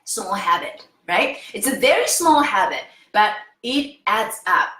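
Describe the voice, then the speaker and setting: A woman's voice: medium pitch, animated, a little slow, bright, forceful tone, roomy sound. A woman in her fifties giving an interactive face yoga lesson, enthusiastic and often checking in with the viewer. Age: 50s. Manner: enthusiastic, keeps checking in with "okay?".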